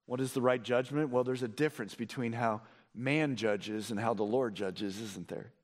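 A man preaching a sermon as pastor, asking his listeners one question after another, his voice climbing and falling as he drives each point home. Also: moderate pace. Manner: preaching with rhetorical questions and sweeping rises and drops in pitch. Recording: long reverb of a large hall.

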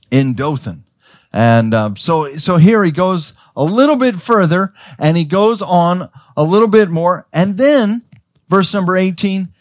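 A man's voice: fairly high pitch, no room sound, studio quality. A man preaching a sermon as pastor. He tells the story in a conversational way, with stammers and restarts, and acts out the characters' voices.

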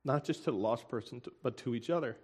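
Man, sermon, earnest, emotional, halting restarts, soft laughs. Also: medium pitch, husky. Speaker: preacher.

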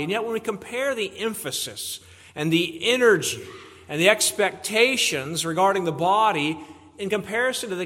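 Bright-voiced preacher in a reverberant hall. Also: male voice, on the high side. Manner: earnest, emphatic preaching with repetitions. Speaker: pastor. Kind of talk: sermon.

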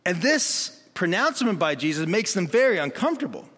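A man preaching a sermon in an animated way, acting out the voices of the people in his story. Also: high voice, brisk. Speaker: pastor. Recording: long reverb of a hall.

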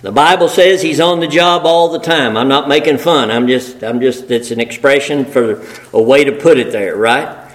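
A man's voice: mid-range voice, normal speed, low-quality recording. A man preaching a sermon in a folksy, emphatic way, building rhetorical lists and repeating phrases for weight.

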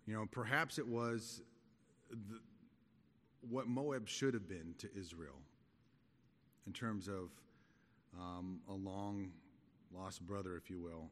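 A middle-aged man giving an expository Bible study in a halting, conversational, explanatory manner. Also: on the low side. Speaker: Bible teacher. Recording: echoey hall with long reverb.

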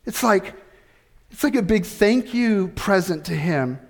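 A middle-aged male pastor delivers a sermon at an unhurried, deliberate pace. His voice sits a little high for a man. He leans on repeated phrases and rhetorical questions. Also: animated.

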